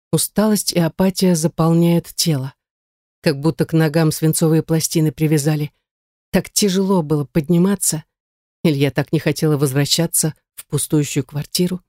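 A woman reading a first-person novel aloud as an audiobook narrator, in a measured, tense storytelling manner. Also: low-pitched, steady tone, dark tone, no echo, clean studio sound.

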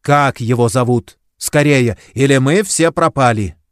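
Man doing a cornered rogue, loud, commanding; audiobook. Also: medium pitch, animated, measured pace, dry recording, clean studio sound, voice pushed up, natural voice. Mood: urgent. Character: sly rogue adventurer, bold and cornered.

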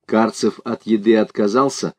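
A man narrating an audiobook in an expressive, dramatic reading style. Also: on the low side, normal speed.

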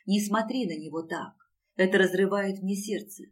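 A woman reading an audiobook and voicing an obsessive, jealous young man in a hushed, brooding tone. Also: sits high, moderate pace, distant mic, natural voice. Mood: pleading, hushed.

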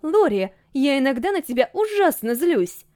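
A woman voicing a stubborn, sharp-tongued young princess, scolding and indignant in an audiobook reading. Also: high voice, big pitch swings, moderate pace. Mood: angry.

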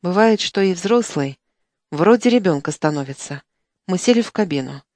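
A woman narrating an audiobook in an expressive reading style, recorded in a studio. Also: lowish voice, normal speed, dry recording. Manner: expressive, acts out dialogue. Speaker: audiobook reader. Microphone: studio microphone.

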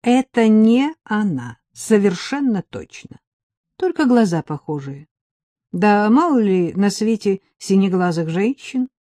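A woman voicing a cheerful, sharp-tongued young female hairdresser who talks in a brisk, mocking way. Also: medium pitch, lively intonation, no room sound, close to an everyday voice.

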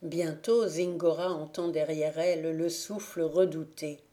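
A woman reading a fairy tale aloud for an audiobook, telling it slowly and evenly. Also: deep voice. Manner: slow, even storytelling. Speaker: audiobook reader.

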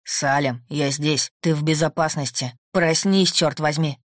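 A woman voicing a tender, grieving young man in an audiobook, dropping her voice low for him. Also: fairly even intonation, measured pace, no room sound, studio quality. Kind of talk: audiobook character voice.

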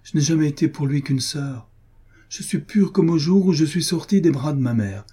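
A man's voice: a little high, lively intonation, moderate pace, warm tone, slightly rough, voice pushed up. A tender young duchess, as a male narrator reads her. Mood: pleading tender.

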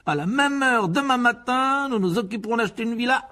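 A man's voice: very high voice, brisk, voice pushed up. A man reading an audiobook and voicing a blustering, pompous middle-aged uncle with a raised, bossy voice. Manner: bossy, loud, self-satisfied.

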